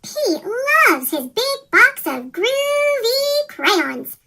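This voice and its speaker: A reader of a rhyming children's picture book, voice pitch-shifted into a chipmunk effect, reading in a sing-song way. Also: big pitch swings, extremely slow, vocal fry, sharp tone. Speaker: storybook reader.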